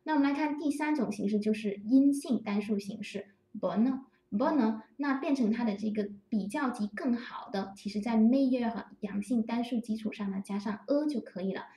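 Mellow-voiced woman teaching grammar, roomy echo. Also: on the high side. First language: Chinese. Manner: patient, repeats and spells out example phrases slowly. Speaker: French teacher. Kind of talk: explaining grammar to learners. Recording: roomy echo, distant from the mic.

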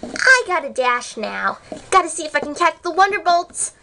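A cocky, boastful female pony from a cartoon, drawling her brags slowly, as a girl puts her on. The voice is very high, with light noise underneath. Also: very animated, vocal fry, bright, forceful tone, heavily acted.

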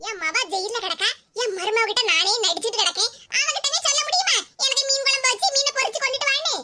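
Cartoon granny, old and sneaky, woman doing her very high squeaky voice, Tirunelveli accent, bossy and theatrical, loud noise behind. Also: fast. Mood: sly. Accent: Tirunelveli Tamil. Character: scheming old grandmother faking chest pain.

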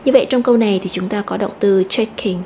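A woman teacher explaining an English lesson step by step, slowly repeating each word to stress. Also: medium pitch, dark tone, slight background noise. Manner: methodical, repeats words slowly.

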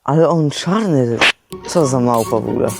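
A man's voice: mid-range voice, expressive, normal speed, gravelly. Guy reacting casually to clips, trying not to laugh, music playing under him. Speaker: show participant. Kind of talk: casual reaction chat over videos.

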